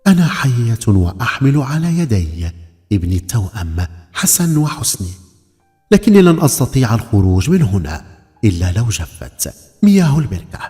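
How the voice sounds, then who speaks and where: A man voicing a grieving young mother calling from beneath the water in a storybook tale, soft and sorrowful. Her words echo with a long hall reverb. Faint music runs behind. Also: fairly low pitch, big pitch swings, normal speed. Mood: weary. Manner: soft, mournful.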